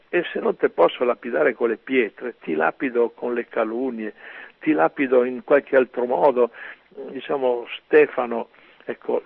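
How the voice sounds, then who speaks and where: A man's voice: medium pitch, creaky, husky, dry recording. A man preaching on scripture in an emphatic way, with rhetorical questions and frequent fillers. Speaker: priest. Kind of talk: sermon commentary on scripture. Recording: tinny radio broadcast.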